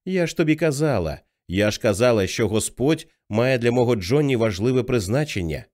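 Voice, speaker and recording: A man's voice: mid-range voice, lively intonation, brisk, darkish tone, lightly acted. A man reading the part of a middle-aged religious mother, fervent and rising to hysterical cries. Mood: bitter. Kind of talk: audiobook character reading.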